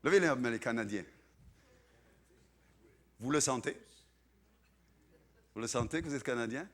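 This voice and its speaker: A man preaching a sermon in as pastor, animated and dramatic, acting out quoted voices and swinging between loud bursts and hushed asides. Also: medium pitch, unhurried.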